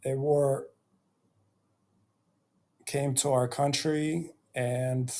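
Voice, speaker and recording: Thirties male vlogger, unhurried and reflective, mid-pitched voice. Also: level tone, a little mellow. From Bosnia and Herzegovina. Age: 30s. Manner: slow and reflective, with many pauses and fillers. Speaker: YouTuber. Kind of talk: personal storytelling vlog.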